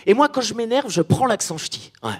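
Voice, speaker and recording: A man from France performs stand-up with a high voice. He talks chattily and speaks straight to the audience. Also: sing-song, fairly quick, darkish tone, slightly rough. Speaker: stand-up comedian. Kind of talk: stand-up comedy.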